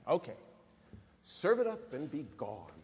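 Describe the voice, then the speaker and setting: A man's voice: a little high, wildly swooping pitch, measured pace, a little mellow, heavily acted. A man playing a cynical, self-centred businessman in a comic stage drama, sarcastic, flippant and exasperated. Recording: echoey hall with background noise.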